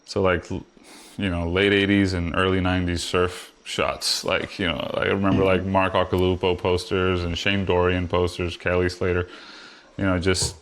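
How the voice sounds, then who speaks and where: This guest is a foiler, a man from Puerto Rico in his forties with a deep voice and a normal speaking speed. He talks casually, drifting from point to point, leaning on lots of fillers like "you know."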